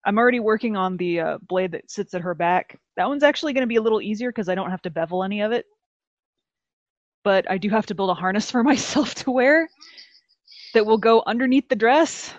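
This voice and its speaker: A woman from Texas hosting a casual podcast, chatty and animated, laughing often. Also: mid-range voice, fairly quick, dry recording, dull audio. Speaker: podcast host.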